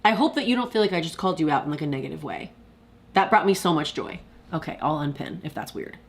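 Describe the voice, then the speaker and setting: A young woman with a low, gravelly, expressive voice hosts a casual live stream. She talks in a chatty, confessional way, saying "like" a lot, laughing quickly, and reading viewer comments aloud.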